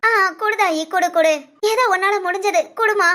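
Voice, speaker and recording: A woman's voice: very high voice, moderate pace, sharp tone. A woman voicing a humble poor woman who pleads for food in a Tamil short story. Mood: grateful.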